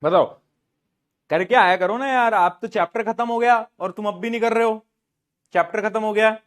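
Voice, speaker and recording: Playful high-voiced male online teacher. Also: normal speed. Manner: playful, teasing, talks straight to students. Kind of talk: live class teaching.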